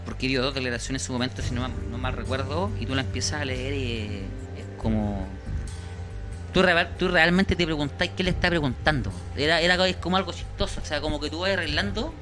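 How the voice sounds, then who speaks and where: The victim's brother, a Chilean man, is a guest in a small-studio interview, speaking insistently and indignantly into a handheld mic in Chilean Spanish. His pitch is slightly raised and his pace fairly quick as he piles up questions and repeats words while searching for what to say, with faint music underneath.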